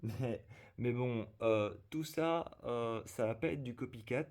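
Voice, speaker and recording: A man chatting casually in a halting vlog style, his voice strained and unwell like a zombie's from a lung problem, hesitating as he searches for words. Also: mid-range voice, darkish tone. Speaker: video creator and fanfiction writer presenting to camera.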